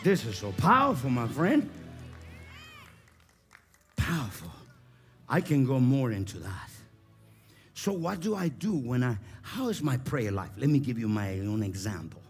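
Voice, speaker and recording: A man preaching a sermon in English with small grammar slips. He swings between loud rousing calls and soft, close prayer. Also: big pitch swings, unhurried, long pauses, soft background music. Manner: shouting and rousing at high pitch, then dropping to a quiet, intimate tone.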